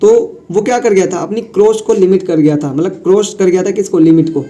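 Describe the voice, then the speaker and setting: A high, mellow-toned young man explains English phrases in an easy classroom manner. He repeats each phrase and keeps checking in with his learners as he goes. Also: brisk. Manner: repeats phrases and says "thik hai" often. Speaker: English teacher.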